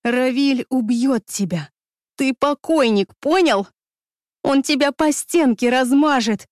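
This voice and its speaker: A woman's voice: sits high, takes it slowly, dry recording, clean studio sound. A woman voicing a frightened seventeen-year-old girl held captive, crying out in frantic, pleading bursts. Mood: desperate. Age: teens.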